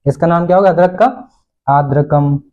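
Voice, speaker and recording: A man's voice: on the high side, steady tone, a little fast, muffled recording, a little hiss or hum. A male teacher giving an online lesson in a playful way, repeating each question and answer and laughing often.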